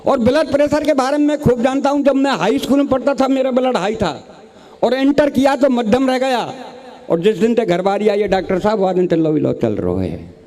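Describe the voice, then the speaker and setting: A man performs a comic poem on stage, telling his story through quoted dialogue. His voice sits high and sounds mellow and warm. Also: fairly quick. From Rajasthan. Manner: storytelling with quoted dialogue, addresses audience as bhai sahab. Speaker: comic poet. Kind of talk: humorous poem recital on stage.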